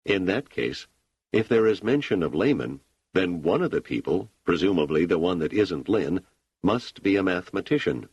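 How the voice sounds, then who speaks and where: A man's voice: low-pitched, expressive, normal speed, darkish tone, husky, dry recording, dull audio, full character voice. A man reading an audiobook, voicing a skeptical grown son who talks bluntly with dry sarcasm. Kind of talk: audiobook character voice.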